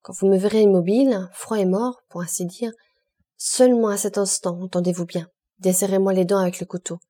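A woman gives voice to an old priest seized by illness, his words pressing and quiet in this storybook reading. He gives urgent instructions while his strength fades. The tone stays mellow and warm. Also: medium pitch, steady tone, a little fast, close to an everyday voice. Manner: urgent, pleading, fading. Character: old male priest prisoner, stricken, urgent.

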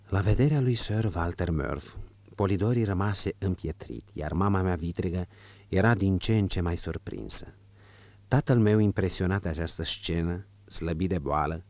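A male audiobook narrator reads a classic novel in a steady, measured way. His voice sits low. The recording is dry and close to the mic. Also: no room sound, dull audio.

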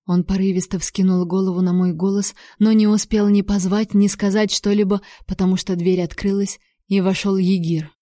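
A woman reads a novel in the first person with even, expressive storytelling. Her voice is dark and mellow. The recording is dry and close, with no room around it. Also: medium pitch, normal speed, few pauses, no room sound. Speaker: audiobook narrator.

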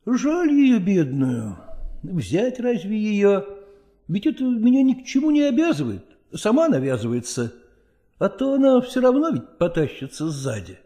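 A man's voice: high-pitched, wildly swooping pitch, unhurried, warm tone, heavily acted. A man voicing a weary middle-aged touring actor in an audiobook drama, coaxing and patronizing. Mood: musing.

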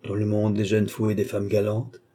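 A man narrating a novel as an audiobook, reading in a measured, dramatic way. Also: fairly low pitch, completely flat delivery, dark tone.

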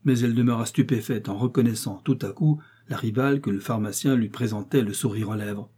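Brief: male storybook narrator, mellow and breathy, steady delivery. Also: medium pitch, brisk. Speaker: audiobook narrator.

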